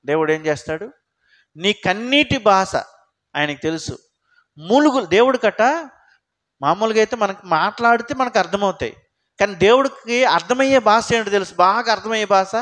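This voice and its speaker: High-voiced man preaching a sermon. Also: normal speed, long pauses, fairly bright tone. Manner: conversational preaching, asking the congregation questions. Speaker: pastor.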